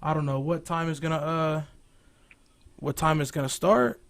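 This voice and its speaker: A man's voice: fairly high pitch, moderate pace, creaky. A young man hosting a live stream show in a loose, casual chat style. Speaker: host.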